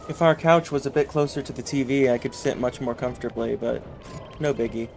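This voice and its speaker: A man's voice: medium pitch, a little fast, vocal fry, music in the background. A man chatting casually and rambling while streaming a video game. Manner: rambling, laid-back. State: rough voice warming up. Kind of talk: casual chat over gameplay.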